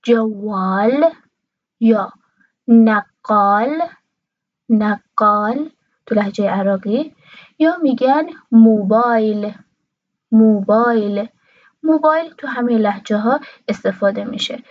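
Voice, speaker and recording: A woman with a fairly high voice teaches vocabulary, pausing to repeat each word slowly and clearly. The sound is dry and close with a slightly dull, muffled tone. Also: dry recording. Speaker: Arabic teacher. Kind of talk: language lesson.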